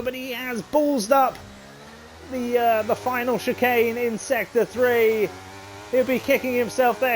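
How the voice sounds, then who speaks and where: An excitable male race commentator, talking fast and chatty over a live online racing event. His voice sits high and eager, full of filler words as he reacts. Faint engine and game noise hums in the background. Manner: excitable, chatty, British turns of phrase, frequent fillers.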